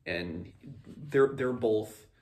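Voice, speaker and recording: A man with a fairly low, darkish voice hosts a casual book recap, sounding animated. He rambles and halts, often doubling back to rephrase while commenting on the story.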